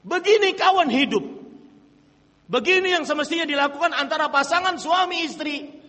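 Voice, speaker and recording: High-voiced man preaching in an echoing hall. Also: moderate pace. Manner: impassioned, swings from loud to soft, chants Arabic quotes. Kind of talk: sermon. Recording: long hall reverb.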